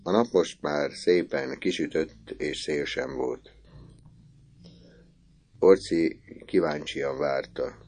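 A man reads a novel aloud in calm, measured narration. His voice is very low, with a dark, mellow tone. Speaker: audiobook narrator. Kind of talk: scripted audiobook narration.

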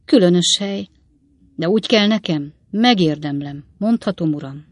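A woman's voice: fairly low pitch, animated, no room sound. A woman voicing a down-and-out male swindler who talks in short, clipped, jerky phrases. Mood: wry.

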